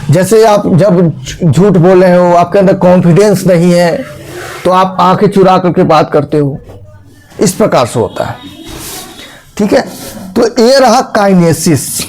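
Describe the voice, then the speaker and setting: High-voiced man teaching a class. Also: a little mellow, slight background noise. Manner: explains step by step with rhetorical questions; demonstrates tone and expressions while teaching. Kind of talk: explaining a lesson.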